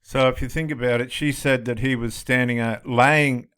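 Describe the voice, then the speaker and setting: Male commentator, even mid pitch, talks over clips, repeats lines for emphasis. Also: normal speed, clear, resonant tone. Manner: emphatic, repeats phrases for stress. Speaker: commentator reacting to police footage. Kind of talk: video commentary.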